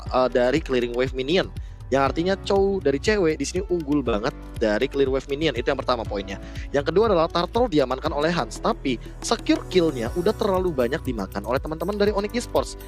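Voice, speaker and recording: A man with an Indonesian accent giving conversational esports analysis, explaining it point by point. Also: fairly high pitch.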